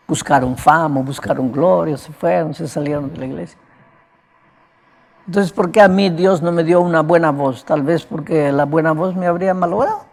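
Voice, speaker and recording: A man's voice: a little high, moderate pace, vocal fry. A man delivers a sermon as an evangelist, his voice cracked and broken. He preaches in a conversational way and keeps checking in with his listeners. He is prone to coughing. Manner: conversational preaching, often asking "right?" of listeners.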